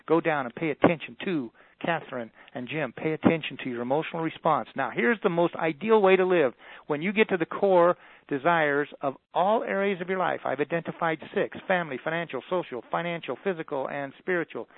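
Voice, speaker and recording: A man speaking as a motivational speaker, telling a story and acting out the dialogue while he pitches a coaching package. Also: no echo. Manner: storytelling, voices quoted dialogue. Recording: tinny phone-like audio, dry.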